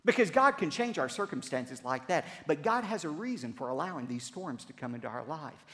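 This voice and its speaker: A man preaching a sermon, telling a story dramatically and rising to loud cries, then dropping low. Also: big-room sound. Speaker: pastor.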